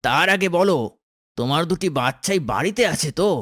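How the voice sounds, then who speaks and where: A man's voice: on the high side, expressive, fairly quick, fairly bright tone, no echo, studio quality. A man voicing an eagle, a loyal friend who speaks in an urgent, earnest way. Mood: worried.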